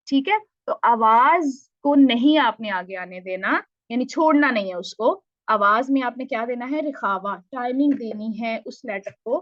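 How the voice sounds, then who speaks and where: A woman's voice: sits high, dry recording, dull audio. A woman teaching Tajweed in an online lesson, patiently repeating points and asking checking questions.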